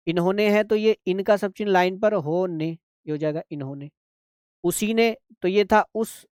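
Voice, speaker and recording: A man's voice: sits high, darkish tone, clear, resonant tone, no echo, studio quality. A man teaching a shorthand class online, going patiently through the steps and asking if his students understand.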